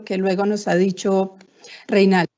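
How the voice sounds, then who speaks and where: A woman's voice: mid-range voice, little pitch movement, moderate pace, mellow. A woman giving a formal webinar presentation over a video call, her audio choppy and breaking up on a bad connection. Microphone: computer mic on a video call. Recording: muffled, cutting-out internet call.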